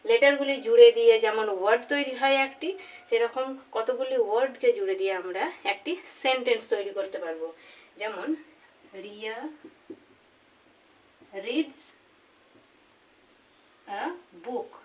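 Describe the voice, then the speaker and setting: A woman teaching a grammar lesson, slowly repeating each example word. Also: on the high side, dull audio, a little hiss or hum. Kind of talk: classroom lesson. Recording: voice from far off the mic.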